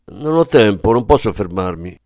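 A man voicing a frightened, corrupt male police detective in an audiobook, shrill and pleading. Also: lively intonation, moderate pace, darkish tone, dry recording, clean studio sound. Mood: panicky.

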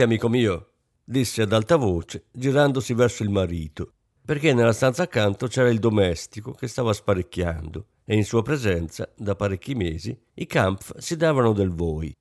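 A man narrating a novel as a scripted audiobook, measured and expressive. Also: on the low side.

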